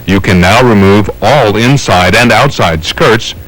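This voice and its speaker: Here a man with an American accent narrates a training film, reading formal instructional text one step at a time. The voice is lowish and slightly bright, the pacing unhurried, and the audio poor.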